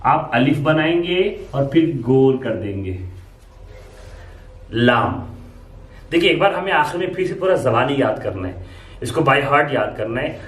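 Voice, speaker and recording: A man's voice: mid-range voice, expressive, moderate pace, recorded from a distance. A man teaching the Arabic alphabet to beginners, explaining each letter patiently and step by step, with plenty of repetition. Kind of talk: beginner alphabet lesson at a board. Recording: roomy echo, speaker away from mic.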